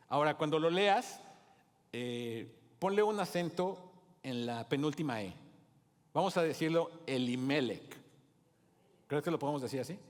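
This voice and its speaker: A man preaches a sermon, his voice sitting a little high for a man. He leans into key words with rising emphasis and calls out to the congregation. The sound rings with the long reverb of a church hall. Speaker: pastor.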